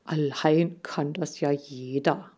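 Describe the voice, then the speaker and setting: A woman voicing a clever, calm male hamster who explains things in a measured, dry way. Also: low-pitched, pitched below the performer's own voice. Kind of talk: audiobook character voice.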